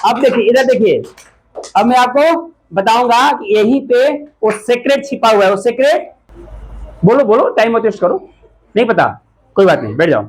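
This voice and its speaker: A man teaching a classroom lesson, asking the pupils short repeated questions and sometimes calling out loudly. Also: extremely high pitch, animated, normal speed, rough recording.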